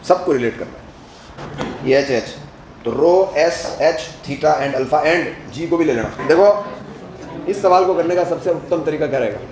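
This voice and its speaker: A man's voice: a little high, a little mellow, reverberant, a little hiss or hum, poor audio. A male physics teacher lecturing at a board, asking the class questions as he works through each step and mixing Hindi with English terms.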